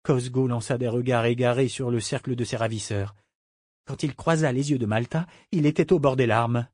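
A man's voice: medium pitch, no room sound. Man reading an audiobook, dry studio sound. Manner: measured, expressive reading. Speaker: audiobook narrator. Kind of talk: scripted narration.

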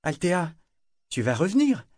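A man voicing a living ship's figurehead, a proud female spirit who speaks in a low, bitter tone. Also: big pitch swings, a little slow, a little mellow, no echo, clean studio sound. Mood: wistful. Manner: low and bitter, sometimes suave.

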